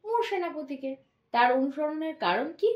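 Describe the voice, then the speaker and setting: A woman teacher explaining a school lesson patiently, slowly drawing out example words as she demonstrates. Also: sits high, lively intonation, a little mellow, reverberant.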